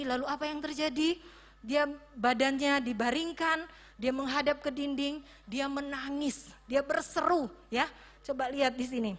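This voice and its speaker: A woman teaching a children's church service, telling a Bible story in an animated way and asking the children questions. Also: high-pitched. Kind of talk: sermon for children.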